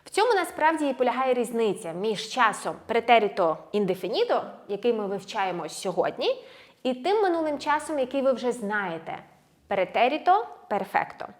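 A woman teaching Spanish grammar in a language lesson, alternating explanations with slowly drilled verb forms. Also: fairly high pitch, very animated. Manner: switches between Ukrainian and slow, drilled Spanish words; clear, measured explaining with stressed endings.

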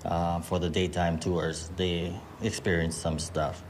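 A man with a very deep voice answers a reporter's questions on location. He speaks casually and hesitantly, padding his answers with fillers. Faint ambient noise sits behind him. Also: level tone, a little slow. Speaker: haunted attraction organizer. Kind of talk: on-location interview. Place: outdoor plantation village house.

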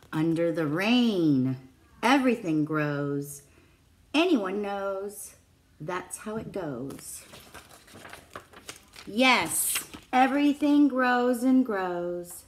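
This middle-aged woman, a preschool teacher, reads a picture book aloud to young children indoors in a small classroom. Her pitch is fairly high, and she uses simple phrases and asks the children questions. The recording, made on a phone or tablet at arm's length, has slight background noise.

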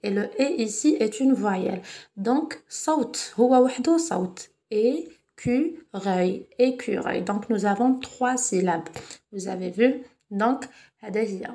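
A woman with an Algerian accent gives a home lesson to young pupils as their French teacher. Her pitch sits in the middle for a woman, and her delivery is patient and steady. She pauses to check understanding and slows right down to sound out words. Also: vocal fry. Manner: slows and stretches words when spelling them out. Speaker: primary school French teacher.

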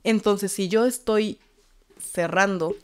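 Mexican woman telling lively stories. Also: medium pitch, slow, clean tone. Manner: animated anecdotes with acted-out quotes. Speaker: tarot reader guest. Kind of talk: casual storytelling conversation.

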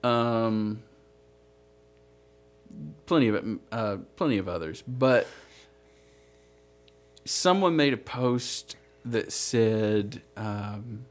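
A man co-hosting a podcast in casual chat, telling stories and quoting others in an animated way. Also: lowish voice, drawn-out words, pauses often, faint music behind. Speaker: podcast co-host.

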